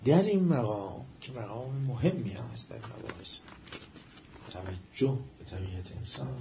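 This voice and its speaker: A man giving a religious-ethical lecture, asking questions of his listeners and rising to emphatic, drawn-out stresses. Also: mid-range voice, big pitch swings, dark tone, slight background noise. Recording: echoey room, dull lo-fi sound.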